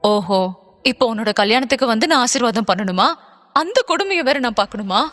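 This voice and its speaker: A woman's voice: a little high, lively intonation, brisk, fairly bright tone, long reverb tail. A woman voicing a hurt and angry young woman who accuses her lover, in an audiobook. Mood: bitter. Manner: accusing, bitter, pleading.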